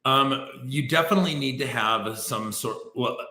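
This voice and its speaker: A man talking as a guest real estate expert in a casual interview, animated and acting out imagined talk with clients. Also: medium pitch, normal speed. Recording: roomy echo.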